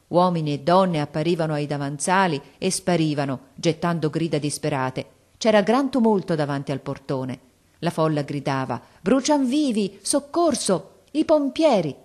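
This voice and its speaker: A woman reading a story aloud in a measured, expressive storytelling manner. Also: sits low. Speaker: audiobook narrator. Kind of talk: scripted literary narration.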